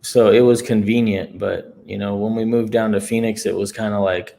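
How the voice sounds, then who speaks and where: A man hosting a casual livestream chat from his new home, relaxed and rambling, with lots of fillers. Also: lowish voice, moderate pace, vocal fry, slight background noise. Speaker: livestream host.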